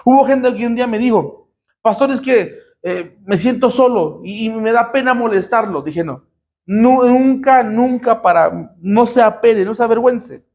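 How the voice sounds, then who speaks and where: Male pastor, high voice, emphatic sermon, rhetorical questions, call-and-response. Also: measured pace, a little mellow. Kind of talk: sermon teaching.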